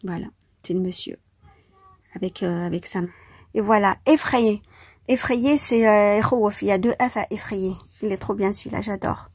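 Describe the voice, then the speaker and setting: Woman, French teacher, mellow breathy voice, dry close sound, chatty with fillers. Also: medium pitch, normal speed, no echo. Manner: hesitant with many fillers, chatty and enthusiastic. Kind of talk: informal vocabulary lesson, mixing French and Arabic.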